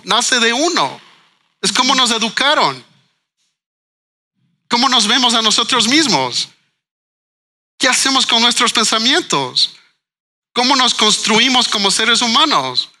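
A man's voice: high voice, bright, forceful tone. A man, a writer and educator speaking earnestly in a panel discussion, asking questions and repeating words as he thinks. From Ecuador. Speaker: writer and cultural manager guest.

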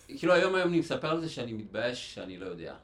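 A man's voice: medium pitch, sing-song, a bit bright. A man with an Israeli accent hosting a casual interview, speaking colloquially and often rephrasing himself. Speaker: interview show host. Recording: echoey room with clear background noise.

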